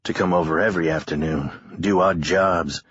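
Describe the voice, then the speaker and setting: A man narrates a thriller in a measured, steady way. His voice sits extremely low and sounds deeply husky and rough. The audio is dull and lo-fi. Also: dry recording. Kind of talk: scripted narration.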